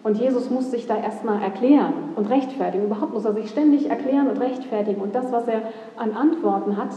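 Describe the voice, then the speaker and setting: A woman's voice: on the high side, fast, warm tone, a little hiss or hum. A woman pastor giving a sermon, reflective and thinking aloud with questions. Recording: long hall reverb, echoey church.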